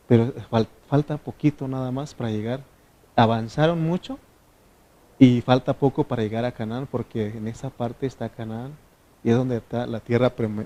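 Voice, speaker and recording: A man's voice: mid-range voice, dark tone. A man from Mexico, a pastor, leading a Bible study and prayer for his church, often asking the congregation questions. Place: church meeting room.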